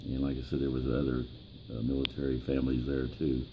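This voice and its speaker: An elderly American man with a gravelly old voice, reminiscing in a plain-spoken, halting way in an interview. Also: extremely low pitch, monotone, background noise. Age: 70s or older. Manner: plain-spoken, halting, pausing mid-phrase. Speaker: interviewee, grandfather.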